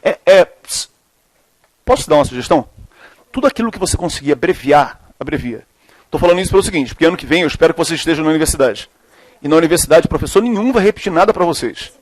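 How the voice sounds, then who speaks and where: High-voiced lively Brazilian teacher. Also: male voice, no echo. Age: middle-aged. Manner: lively, informal, jokey, switches between slow dictation and fast talk. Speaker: chemistry teacher. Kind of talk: classroom lecture, dictating problems. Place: classroom.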